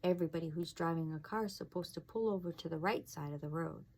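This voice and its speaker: A woman who works as a fire inspector reads a storybook aloud to children, expressively, mixing in casual asides and questions for her young audience. Her voice is low-pitched, husky, and a little mellow, and she talks fast.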